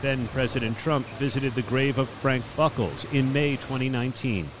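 Man, radio news narration, measured delivery, mid pitch, clear outdoor noise. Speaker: news correspondent. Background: outdoor traffic and planes.

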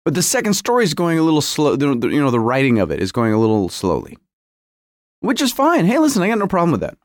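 This podcast host talks fast in a fairly high voice with huge pitch swings, wryly rambling and breaking into his own sentences. He's doing a casual solo show from his home garage and feels cold. The audio is studio quality with no room sound.

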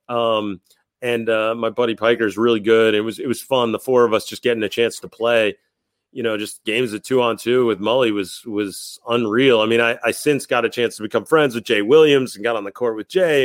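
A man's voice: medium pitch, no echo. A man, likely in his thirties, telling stories as a podcast guest in a casual, rambling, enthusiastic way, often repeating words. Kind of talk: casual interview storytelling.

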